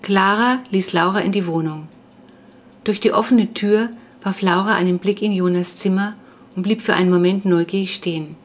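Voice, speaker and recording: A woman reading a children's novel aloud as narrator, in an even, measured storytelling manner. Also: medium pitch. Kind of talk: audiobook reading.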